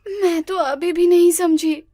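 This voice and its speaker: A woman's voice: very high-pitched, fairly even intonation, a little slow, warm tone, no echo, studio quality. A woman voicing a timid young daughter-in-law. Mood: wailing. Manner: stammering, pleading, fretful. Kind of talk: cartoon voice acting.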